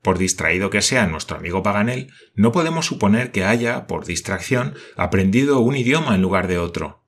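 A man reading an audiobook and voicing a courteous, composed male leader who speaks in measured phrases. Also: on the low side, expressive. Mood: reasoning. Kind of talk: audiobook character voice.

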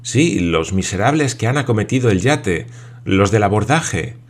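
A man's voice: lowish voice, animated, moderate pace. A man voicing a bewildered lord who presses question after question. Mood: urgent questioning.

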